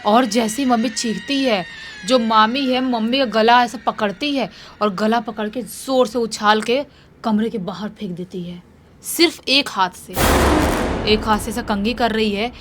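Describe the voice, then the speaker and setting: Woman telling a spooky story, kinda high voice, faint hiss behind. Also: measured pace. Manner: lively, animated retelling.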